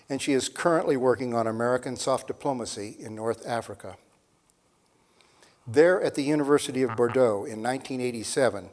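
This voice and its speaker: An older man, the moderator of a lecture series, reads a speaker's introduction from a sheet at a podium microphone in a measured way. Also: mid-range voice, a little mellow. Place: large hall with seated audience. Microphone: podium mic on a stand. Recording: long reverb in a hall.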